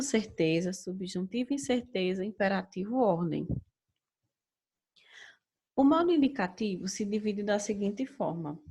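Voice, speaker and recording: Brazilian Portuguese woman teacher, young adult, mid-pitched, steady lecture delivery. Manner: measured explaining, checks in with "tá certo?". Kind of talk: recorded grammar lesson.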